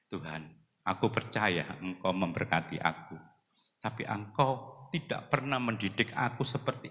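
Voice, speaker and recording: A man preaching a sermon, telling his own story, swinging between loud exhortation and hushed, emotional confession. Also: deep voice. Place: large church hall. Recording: long hall reverb.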